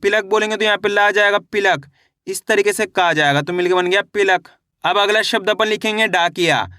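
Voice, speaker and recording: A man teaching Hindi reading in an online lesson, sounding out each syllable slowly and repeating each finished word lower and firmer. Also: bright, forceful tone, clear, resonant tone, dry recording, studio quality.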